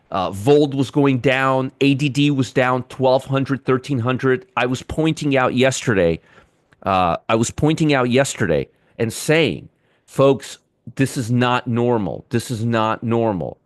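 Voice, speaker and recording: A man's voice: medium pitch, no room sound, clean studio sound. Repetitive male trading-stream host. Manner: repetitive, talks to chat viewers by name. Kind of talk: live market commentary with chat.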